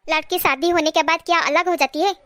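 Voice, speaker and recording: High-voiced woman in an earnest sketch. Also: fairly even intonation, fairly quick, a bit bright, dry recording. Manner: earnest, emotional pleading. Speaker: comedy sketch creator. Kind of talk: short comedy skit acting.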